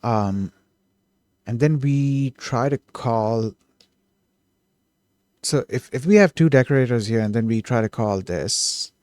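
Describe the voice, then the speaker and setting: A man streaming himself coding, thinking aloud, who gets excited and keeps correcting himself mid-thought. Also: mid-range voice, slow, pauses often, clear, resonant tone, no echo, studio quality. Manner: excitable, self-correcting, trails off and restarts.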